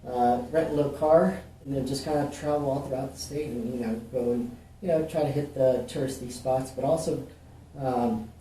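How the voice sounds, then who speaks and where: Speaking at normal speed with a mid-range voice, a man from Mexico who works as a realtor answers interview questions casually, full of fillers and restarts. The mic sits far off in a roomy, echoey space, and a little hiss or hum is audible.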